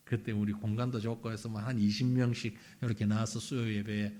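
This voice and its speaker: A male pastor preaching a sermon in an animated way, acting out the laments he quotes. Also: fairly low pitch, a little fast.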